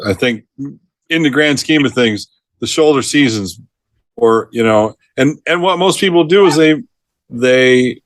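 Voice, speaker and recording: A middle-aged man tells outdoor rescue stories in relaxed conversation, chuckling as he goes and slipping into the voices of the people he met. His voice sits at an ordinary middle pitch. The sound is close and dry, with no room echo. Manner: lively storyteller who laughs mid-sentence and acts out quotes. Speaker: retired forest ranger, podcast guest. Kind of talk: storytelling in a casual interview.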